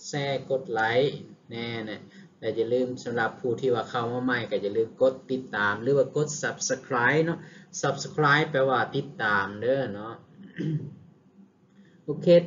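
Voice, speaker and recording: A man's voice: mid-range voice, slow pace, a bit bright, muffled recording. A man with a Lao accent teaching English words, saying each word several times before explaining it. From Laos. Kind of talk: vocabulary lesson.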